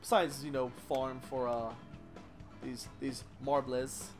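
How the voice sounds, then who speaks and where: Foul-mouthed ranting gaming commentator. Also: male voice, medium pitch, little pitch movement, takes it slowly. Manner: profane, ranting and sarcastic; rambling with frequent restarts and asides. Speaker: let's play host. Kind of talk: let's play commentary. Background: game music.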